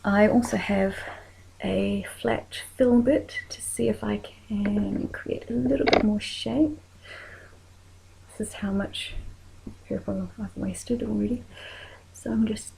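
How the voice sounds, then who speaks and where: A woman with a New Zealand accent talking through a makeup tutorial in a soft voice that often drops to a whisper while she works. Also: medium pitch, gravelly, slight background noise, rough recording.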